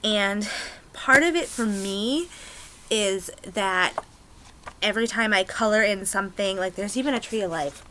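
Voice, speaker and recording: A young American woman talks straight to her camera in a rambling, chatty way, full of ums and small bursts of excitement. Her voice is bright and clear, at a middling pitch. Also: unhurried, a little hiss or hum, poor audio. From United States. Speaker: pagan vlogger. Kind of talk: casual chat to camera.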